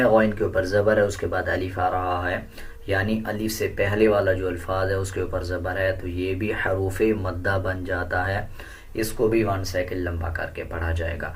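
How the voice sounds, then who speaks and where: A man teaching how to recite the Quran, explaining the rules calmly and then chanting the verses slowly and melodiously, far louder than his explanations. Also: sits low.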